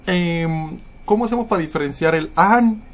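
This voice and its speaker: A man's voice: on the high side, normal speed. A man teaching English grammar, explaining patiently with frequent fillers and checks for understanding. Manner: patient, repeats points with many fillers and "¿cierto?" checks.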